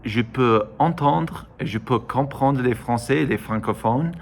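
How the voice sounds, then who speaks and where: A man from the United States, a native English speaker with an American accent, talks casually in broken, halting learner's French, hesitating and correcting himself often. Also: mid-range voice, creaky, slight background noise. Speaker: vlogger. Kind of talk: casual monologue to camera.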